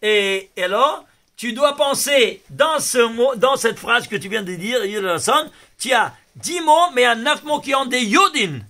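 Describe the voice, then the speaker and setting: A rabbi giving a lively lesson, exclaiming over numbers and speaking straight to his listeners. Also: extremely high pitch, normal speed. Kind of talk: Torah lesson on gematria.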